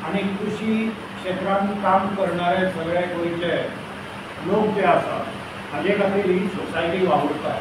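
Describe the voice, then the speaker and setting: An older man with a Goan accent, addressing a press conference for a farmers' cooperative, listing names and figures in a steady, formal way. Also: a little high. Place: hall with a banner behind a panel. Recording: echoey hall, distant mic, noisy.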